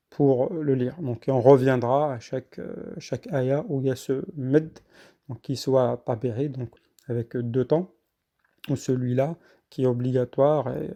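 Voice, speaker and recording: A man teaching Quran recitation rules, explaining haltingly with fillers between slow, drawn-out recited verses. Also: mid-range voice, vocal fry, dark tone. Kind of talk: tajwid lesson with recitation.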